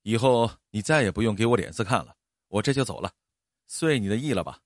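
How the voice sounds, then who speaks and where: A man's voice: lowish voice, lively intonation, normal speed, no room sound, studio quality, natural voice. A man voicing a proud, down-on-his-luck man who speaks sulkily in cold, clipped phrases. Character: prideful down-on-luck man, touchy.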